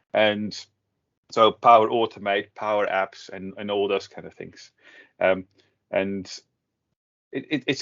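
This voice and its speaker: A middle-aged man from the Netherlands, talking casually in an interview with many fillers and restarts. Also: fairly low pitch. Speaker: guest, tech blogger. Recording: dull lo-fi audio.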